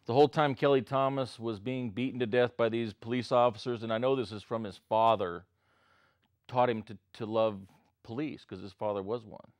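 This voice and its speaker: A man's voice: medium pitch, fairly even intonation, normal speed, no room sound. A man who is a studio guest, speaking earnestly and sounding upset. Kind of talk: studio talk.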